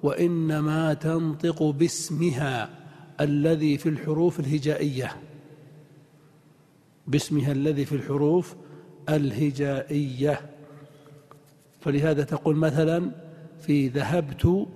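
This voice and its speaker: Male teacher, fairly high husky voice, deliberate lecturing, long hall reverb. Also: steady tone, warm tone. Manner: deliberate, spells out examples, asks the class questions. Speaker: grammar teacher. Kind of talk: lecture on Arabic grammar.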